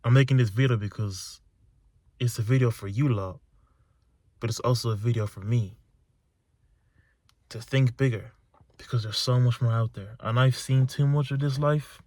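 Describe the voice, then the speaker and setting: Long pauses break up this young man's moderate pace, and his medium-pitched voice is slightly mellow, with no room sound. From his parked car at night, the self-improvement vlogger delivers a reflective motivational monologue, earnest and emphatic, with key phrases repeated.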